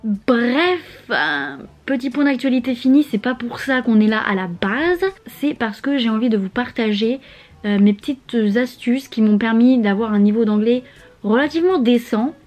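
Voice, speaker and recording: A young adult au pair vlogger from France chats casually from her bedroom, sprawled on her bed, slangy, playful and swearing freely with asides. Her voice is on the high side, animated and a little mellow, at a moderate pace.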